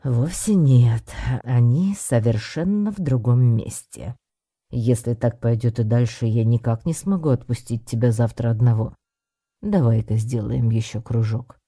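A man's voice: mid-range voice, measured pace, warm tone, slightly rough, no room sound, studio quality. A man voicing a patient, drawling tomcat. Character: streetwise male tomcat, calm and patient guide.

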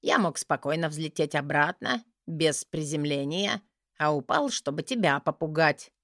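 A woman's voice: low-pitched, measured pace, a bit bright, no room sound, studio quality. Woman playing a whiny theatrical male mage. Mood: dismissive.

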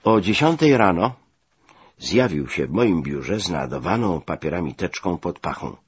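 A man with a low, husky voice reads a memoir aloud in a slow, expressive way. His pitch swings widely, and the recording is dull and lo-fi. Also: no room sound. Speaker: narrator. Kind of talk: audiobook reading of a memoir.

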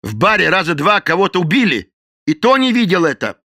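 A man playing a gruff, irritable ranch owner who barks out orders impatiently. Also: high voice, big pitch swings, brisk, pushed and bright, pitched above the performer's own voice, exaggerated voice. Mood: brusque. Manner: barking, impatient.

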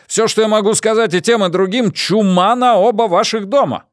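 A man voicing an agitated, bitter diplomat in a science-fiction audiobook, forceful and exclaiming with indignation. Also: fairly high pitch, sing-song, a little slow, smooth, no room sound, studio quality, voice pushed up. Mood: exasperated. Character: agitated, bitter male diplomat, the Consul of a space epic. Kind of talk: dramatised audiobook reading.

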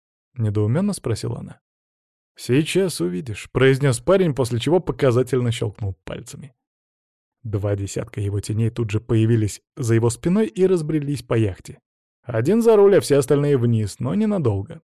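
A man reading a novel aloud as narrator, in an even, steady storytelling manner. His voice is warm and mellow, recorded dry and close with no room sound. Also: medium pitch, fairly quick, no echo. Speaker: audiobook narrator. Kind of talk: scripted narration.

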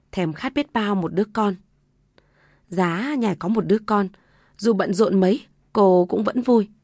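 A woman narrating a family story in a calm, even reading voice. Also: mid-range voice, dry recording, studio quality.

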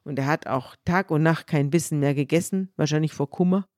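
A woman's voice: low voice, brisk, darkish tone, no echo, studio quality. A woman co-hosting a podcast who retells a Bible story in casual chat, quoting the characters as she goes. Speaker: podcast co-host.

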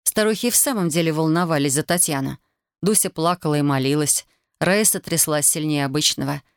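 A woman narrates an audiobook in a low, steady voice. Her reading is measured and even. The sound is dry, with no room echo. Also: clear, resonant tone.

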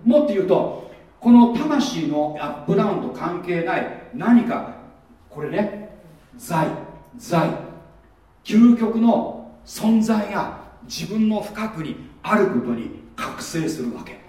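Slow and sing-song, a pastor delivers a sermon in a high, mellow voice, speaking conversationally and repeatedly asking his listeners rhetorical questions. He's heard from a distance in a very echoey room.

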